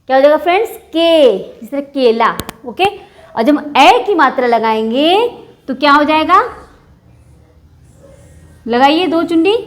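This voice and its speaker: Woman, patient alphabet teacher; unhurried, drawn-out sounds, quiz-and-answer style. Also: sits high. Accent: Indian Hindi speaker. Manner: slow, patient, drawing out each sound; asks the class questions and answers them herself. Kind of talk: children's Hindi alphabet lesson.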